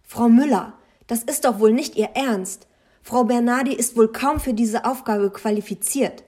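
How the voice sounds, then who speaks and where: A woman's voice: fairly high pitch, measured pace, a little mellow, breathy edge. A woman doing a haughty, indignant grandmother. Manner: haughty, scolding.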